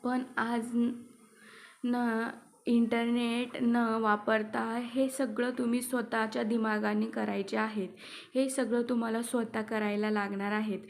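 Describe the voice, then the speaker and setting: Stern lecturing schoolteacher, read by a woman storyteller, fairly high voice, flat delivery. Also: measured pace, creaky. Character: strict woman teacher scolding her class.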